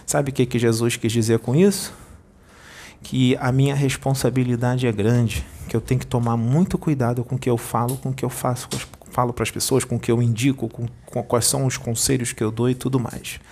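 A spiritual medium, a man, recounting a vision to his audience in an animated, repetitive storytelling manner. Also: medium pitch, moderate pace, breathy edge. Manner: animated storyteller, repeats himself.

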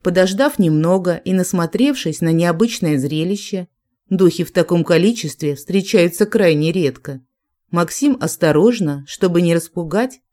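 An audiobook narrator reading a fantasy novel in an even, unhurried manner. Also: mid-range voice. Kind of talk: scripted narration.

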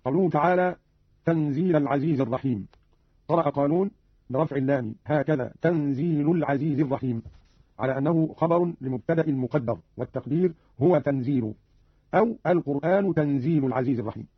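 A man speaks quickly in a husky, slightly high voice, giving a formal explanation of recitation variants. He quotes verses in a measured, chanting lilt. The sound is dry and dull, like an old lo-fi radio archive. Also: no echo. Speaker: radio presenter of recitation readings.

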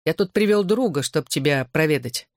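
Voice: medium pitch, expressive, normal speed, dry recording, studio quality, natural voice. A reader voicing a boy's best friend who laughs and teases him. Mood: teasing. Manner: amused, teasing. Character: teasing teenage best friend, boy.

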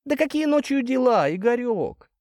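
A man voicing a fussy, worried older mother who scolds and frets in a high, exclaiming voice. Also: expressive, normal speed, darkish tone, no echo, clean studio sound. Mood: fretting.

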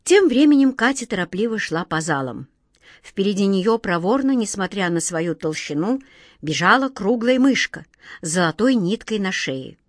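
Expressive woman reading a fairy tale. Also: mid-range voice, moderate pace, dry recording, clean studio sound. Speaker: audiobook reader. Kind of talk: storybook narration.

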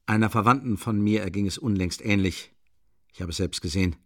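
A sober male official voiced by a male narrator speaks quietly and matter-of-factly in a low voice. The storybook recording is close and dry. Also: brisk, no echo. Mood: grave.

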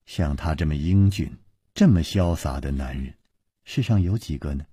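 A sulky young princess with a sharp tongue, as a man puts her on. She sneers coldly and teases. The husky voice is close and dry. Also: extremely low pitch, animated, normal speed, no echo, full character voice. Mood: mocking. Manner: cold, mocking, sniffing.

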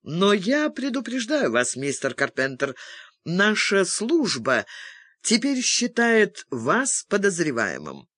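A man doing a dry, measured agent. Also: high voice, huge pitch swings, no room sound, voice pushed up, heavily acted. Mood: firm. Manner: measured and dry, pleading quietly. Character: calm, dry-spoken senior male agent.

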